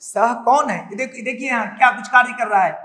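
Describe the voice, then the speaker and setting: High-voiced teacher in an echoey room. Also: male voice, bright, forceful tone. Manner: slow, repetitive, drills each word and asks the class questions. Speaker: Sanskrit teacher. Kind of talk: classroom lesson explaining word meanings. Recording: echoey room with long reverb.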